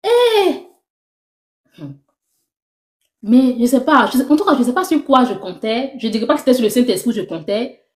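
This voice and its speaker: Young woman, animated testimony, higher voice, echoey room. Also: a little fast. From Ivory Coast. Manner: animated storytelling, acting out dialogue. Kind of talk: personal faith testimony. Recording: roomy echo.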